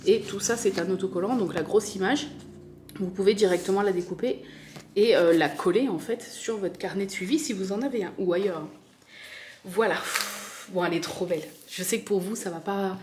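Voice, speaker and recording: Talking a little fast in a darkish mid-range voice, a French crafting vlogger with a French accent unboxes a craft kit in lively, casual chatter full of fillers and repetitions. A little hiss or hum can be heard.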